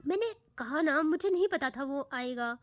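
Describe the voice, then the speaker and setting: A woman's voice: sits high, animated, normal speed, lo-fi sound. A woman voicing a pampered, proud young woman who talks in a pouty, indignant way.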